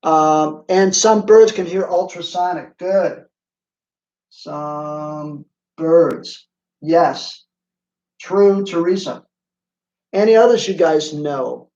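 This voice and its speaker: Male science teacher, chatty and quizzing, high voice, roomy dull online-class audio. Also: extremely slow, pauses often, a little mellow. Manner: playful, chatty, quizzes students by name. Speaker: physics teacher.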